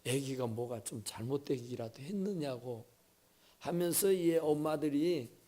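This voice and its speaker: A man preaching a sermon in a church, telling a story with sudden swings between loud bursts and hushed asides. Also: mid-range voice, unhurried. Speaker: pastor. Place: church sanctuary.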